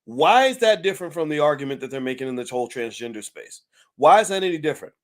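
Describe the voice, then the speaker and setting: A man talks straight to his viewers in a loose, chatty commentary style. His voice sits a little high for a man, and he keeps restarting his sentences, laughing and asking the audience what they think. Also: big pitch swings, fast. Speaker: channel host. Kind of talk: casual talk-show commentary.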